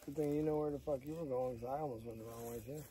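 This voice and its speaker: A man's voice: medium pitch, fairly even intonation, very fast, warm tone. A man joking and cursing on a walk through a forest. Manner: joking, crude. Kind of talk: casual banter. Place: outdoors in a forest.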